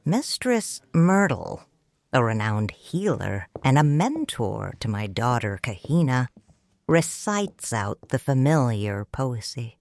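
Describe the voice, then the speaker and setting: In scripted first-person audio drama narration, a low-voiced woman plays a mature, restrained noble widow who is proud and grieving. Her delivery is slow, formal, solemn and measured, yet her pitch moves expressively. It's captured very close and dry, without any room sound.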